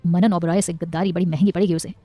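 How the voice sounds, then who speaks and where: A woman's voice: lowish voice, fairly even intonation, fast, dark tone, no echo, soft background music, lightly acted. A woman voicing a hot-tempered young man who talks in curt threats. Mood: angry. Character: hot-tempered young male boss, menacing.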